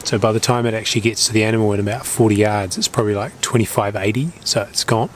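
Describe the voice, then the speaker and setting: Low-pitched Kiwi man, noisy outdoors. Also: quick pace. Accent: New Zealand. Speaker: solo hunting vlogger. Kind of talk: casual outdoor vlog talk to camera. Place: outdoors in bush and hilltops.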